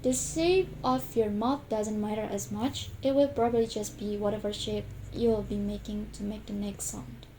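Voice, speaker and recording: A woman's voice: mid-range voice, fairly even intonation, moderate pace, few pauses, mellow, a little hiss or hum, poor audio. A young woman student giving a class presentation, speaking carefully and repeating each example sound several times. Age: young adult.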